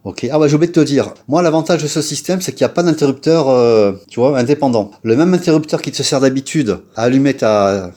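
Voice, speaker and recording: A man's voice: mid-range voice, expressive, fast talker, few pauses, warm tone. A man from France giving a casual how-to tutorial, chatty, blunt and slangy, talking straight to the viewer with lots of filler tags. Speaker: scooter repair vlogger.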